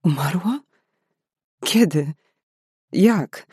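A man's voice: sits high, expressive, very slow, mellow, husky, no room sound, clean studio sound, pitched above the performer's own voice, heavily acted. A man voicing a young woman, a tired nurse, in an audiobook, with raised, emotional outbursts. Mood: shocked.

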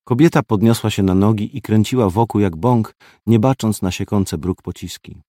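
A man narrates an audiobook in the first person, gruff and terse in manner. His voice sits low and sounds dark and mellow. The recording is dry and close, with no room sound. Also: normal speed, no echo.

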